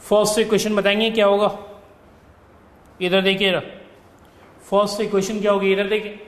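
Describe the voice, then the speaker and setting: A man's voice: high voice, level tone, moderate pace, a bit bright. A male economics tutor, dictating notes in a lecture and checking with his students. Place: classroom. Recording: echoey classroom with faint noise.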